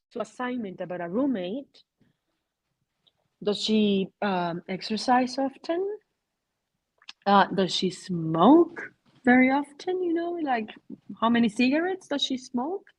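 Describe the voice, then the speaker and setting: A woman's voice: mid-range voice, no echo, poor audio. A woman teaching English to adult learners in a video-call class, mixing English and Spanish and checking in with "okay?".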